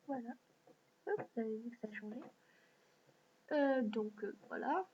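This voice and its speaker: A woman's voice: on the high side, animated, normal speed. Hesitant woman giving an app walkthrough. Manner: hesitant, many fillers. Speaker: video host. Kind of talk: screen-recorded app walkthrough. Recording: dull lo-fi mic with faint hiss.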